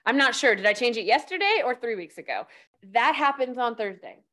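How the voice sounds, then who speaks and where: A woman's voice: fairly high pitch, expressive, a little fast, fairly bright tone. A woman guest on a podcast, talking casually with lots of filler words as she shares life tips. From California. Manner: chatty, loose, heavy on "like" fillers. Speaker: guest, life-hacks coach.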